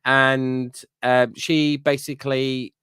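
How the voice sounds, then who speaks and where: Recapping an episode in relaxed review chat, a male podcast co-host speaks slowly in a mid-range, level, fairly bright and clean voice, full of fillers and "you know what I mean" asides. It's studio-quality audio with no room sound.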